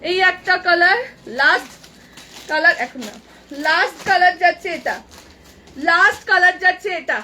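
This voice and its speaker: A woman running a live clothing sale, briskly calling out prices over and over and chatting with helpers and viewers through an earbud mic. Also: very high voice, sharp tone, a little hiss or hum. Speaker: boutique owner selling clothes live. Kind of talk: live sales patter.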